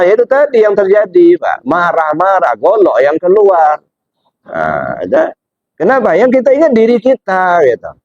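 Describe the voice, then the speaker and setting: Man teaching religion, voice slightly high. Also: a little mellow, no room sound, lo-fi sound. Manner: rhetorical questions to listeners, pitch leaping up for emphasis. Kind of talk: religious study lecture.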